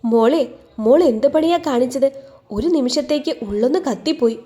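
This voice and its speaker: A woman's voice: sits high, normal speed, warm tone, voice pushed up, close to an everyday voice. A woman voicing a kind wealthy mother-in-law who fusses and reassures. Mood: reassuring.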